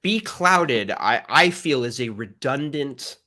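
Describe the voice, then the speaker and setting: A man hosting a podcast, giving sarcastic, animated commentary and laughing often. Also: medium pitch, slow. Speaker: podcast host. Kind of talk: casual commentary chat.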